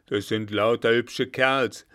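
A man voicing a blustering, gruff old field marshal who bellows brusquely. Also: mid-range voice, fairly even intonation, slow, fairly bright tone.

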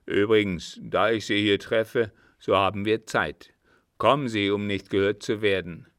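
A man doing a loud, scheming captain. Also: lowish voice, steady tone, measured pace, no room sound, clean studio sound. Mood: urgent. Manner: forceful, urgent and conspiratorial.

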